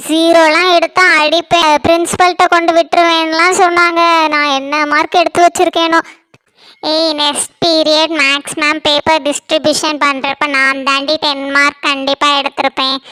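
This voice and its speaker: Very high, bright schoolgirl-style voice. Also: no room sound, studio quality. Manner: anxious, chattering schoolgirl talk. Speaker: voicing several schoolgirl figures. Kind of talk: Barbie doll play voice-over.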